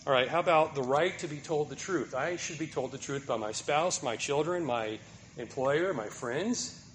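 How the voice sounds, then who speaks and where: A man's voice: on the high side, moderate pace, a bit bright, a little hiss or hum. A man preaching a sermon, asking the listeners rhetorical questions and checking in with a repeated "right?".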